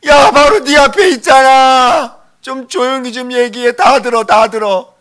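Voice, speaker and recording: A man voicing God as an exasperated but doting father who tells a loud pleader that he already hears everything. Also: very high voice, fairly even intonation, normal speed, pitched above the performer's own voice. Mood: annoyed. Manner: weary, indulgent scolding.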